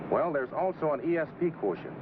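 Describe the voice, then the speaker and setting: An actor playing a calm, level-headed male government scientist who explains in a steady, matter-of-fact way, heard as an old 1950s TV broadcast. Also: fairly high pitch, a little fast. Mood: earnest. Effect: old 1950s TV broadcast sound. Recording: tinny, hissy 1950s TV soundtrack.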